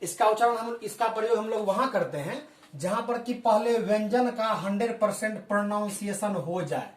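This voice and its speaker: A male teacher giving a spoken language lesson, patiently explaining and slowly repeating example words. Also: sits high. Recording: echoey room, voice from a distance.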